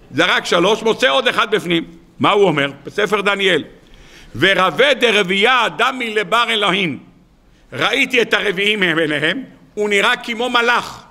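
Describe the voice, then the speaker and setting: High, bright-voiced rabbi giving a sermon. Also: male voice, gravelly. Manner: storytelling, humorous asides. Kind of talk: weekly Torah sermon with jokes.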